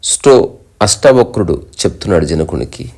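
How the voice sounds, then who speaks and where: A man giving a spiritual discourse as a teacher, slowly chanting Sanskrit verses and then explaining them in plain words. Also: sits low, sing-song, vocal fry, a little mellow.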